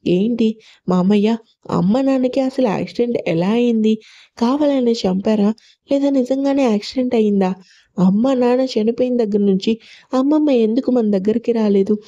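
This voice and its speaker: Female reader as innocent young wife, plaintive and soft, very mellow tone. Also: a little high, moderate pace, close to an everyday voice. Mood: questioning. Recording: lo-fi audio.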